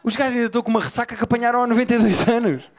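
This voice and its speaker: A man from Portugal with a Lisbon accent, performing an animated, profane stand-up set and riffing with the crowd. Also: extremely high pitch, very fast. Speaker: stand-up comedian. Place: comedy bar before a live audience. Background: audience laughter.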